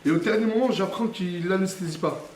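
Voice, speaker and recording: A man's voice: high-pitched, a little fast, recorded from a distance, a little hiss or hum. A man telling a personal story on a live stream in casual slang, emphatic and acting out moments. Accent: French slang with Arabic loanwords. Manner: emphatic, acts out shouts and crying in the retelling. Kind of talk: casual storytelling among friends. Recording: roomy live stream audio from off-mic.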